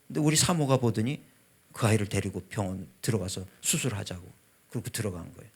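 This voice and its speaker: Gravelly emotional Korean pastor preaching. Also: male voice, lowish voice, animated, fast, darkish tone. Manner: emotional storytelling, voice rising and dropping sharply. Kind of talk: revival sermon testimony.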